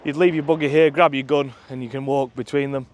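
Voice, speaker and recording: A man's voice: mid-range voice, steady tone, brisk. A man giving a casual walking tour of his shooting ground to a companion filming, chatty and enthusiastic with plenty of ums, a little out of breath. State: out of breath while walking uphill. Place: outdoors at a shooting ground, then inside a clubhouse. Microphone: camera held by a companion filming.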